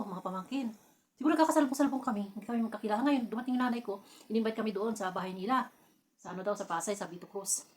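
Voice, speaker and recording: A woman from the Philippines chats quickly and casually while eating. She laughs often and grows animated when recounting stories. Her pitch sits in the middle of the range. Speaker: vlogger.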